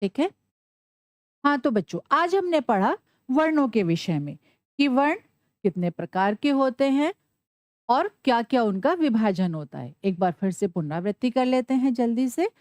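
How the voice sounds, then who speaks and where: A woman teaching a Sanskrit lesson to children, asking questions and answering them herself, spelling out letters slowly. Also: a little high, very animated, darkish tone, dry recording. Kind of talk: classroom lesson.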